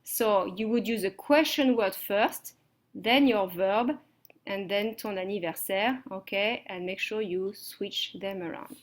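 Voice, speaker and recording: A woman teaching a language lesson from slides, explaining step by step and checking understanding with "okay?". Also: mid-range voice. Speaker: French teacher.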